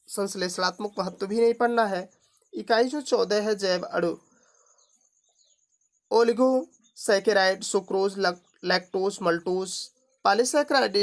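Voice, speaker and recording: Teacher reading out a syllabus list. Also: male voice, high voice, creaky, fairly bright tone. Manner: reads through a long list item by item, adding brief remarks.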